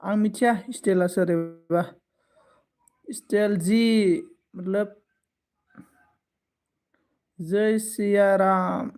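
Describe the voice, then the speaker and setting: A man with a high voice chats casually on a live stream, taking his time over each word. He greets viewers one by one and teases them playfully as he reads out their comments. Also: fairly even intonation, extremely slow, pauses often, a little mellow.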